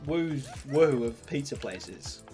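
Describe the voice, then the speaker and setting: A man's voice: mid-range voice, animated, takes it slowly, mellow, faint music behind. A man hosting a gaming stream, chatting playfully and giving orders while he plays a cooking game with a friend. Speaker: gaming channel host. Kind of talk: casual co-op gameplay chat.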